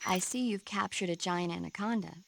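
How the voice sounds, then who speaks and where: An actress playing a friendly, chatty support medic who explains things eagerly in a video game. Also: female voice, lowish voice, fairly even intonation, brisk, gravelly, slight background noise. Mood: informative. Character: friendly, eager female radio support medic, movie buff.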